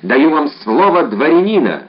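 A man's voice: fairly high pitch, very animated, moderate pace, breathy edge, muffled recording, pitched above the performer's own voice. A man voicing an ardent young guardsman in an audiobook, eager and exclamatory. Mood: resolute. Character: ardent young Gascon guardsman, bold and gallant.

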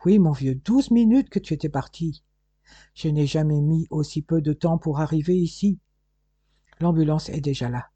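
A bossy older doctor gives firm orders in an audiobook, as the male reader plays him. The voice is dark with a husky grain. The recording is dry and close. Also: fairly high pitch, normal speed, no room sound. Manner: firm, commanding.

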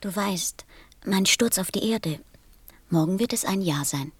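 The gentle little prince, closely recorded. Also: female voice, medium pitch, a little slow, husky, no echo. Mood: quietly serious. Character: gentle, serious little boy prince from another planet. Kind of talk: audio drama acting.

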